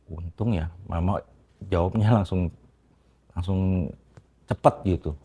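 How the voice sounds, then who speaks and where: Deep-voiced man with halting confessional speech. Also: fairly even intonation, dark tone, slightly rough. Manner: hesitant, halting, many restarts and fillers. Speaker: interviewee telling a personal story. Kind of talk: casual confessional storytelling.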